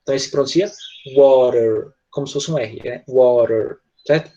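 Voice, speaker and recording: Guy teaching class online, keeps asking "got it?", kinda muffled dull sound. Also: medium pitch. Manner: patient, checks in often with quick tag questions. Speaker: English teacher.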